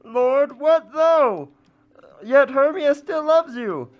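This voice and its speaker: A woman acting a young rejected woman in a home Shakespeare production, with expressive verse delivery. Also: high voice, slow pace, muffled recording, faint music behind. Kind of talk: amateur home Shakespeare performance.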